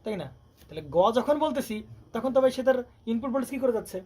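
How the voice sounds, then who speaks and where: This electronics tutor speaks in a very high-pitched, animated voice with a slightly mellow quality. In his classroom lecture he moves fast, constantly throwing rhetorical questions at the students, over faint background noise.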